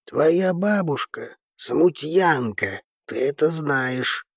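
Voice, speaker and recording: A man doing a calm, commanding old patriarch. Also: on the high side, slightly rough, no room sound, studio quality, heavily acted. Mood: measured. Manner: calm, measured, soothing. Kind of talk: audiobook character reading.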